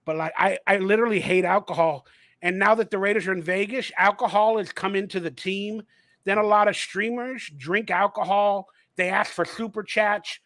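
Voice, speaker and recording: A man's voice: high-pitched, fairly even intonation, normal speed, fairly bright tone, no room sound. A man hosting a casual fan livestream, talking animatedly and acting out quotes as he tells stories, swearing freely. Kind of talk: casual chat.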